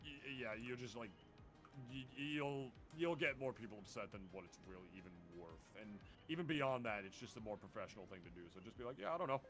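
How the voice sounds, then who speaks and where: Low-voiced excitable esports commentator. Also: male voice, a little fast, soft background music. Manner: excitable, earnest, stammers when keen. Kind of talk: casual live game commentary.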